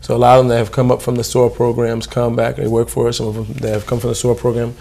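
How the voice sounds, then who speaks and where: Gravelly man. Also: medium pitch, fast. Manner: relaxed, informal, many fillers. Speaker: youth program staff guest. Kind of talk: casual interview.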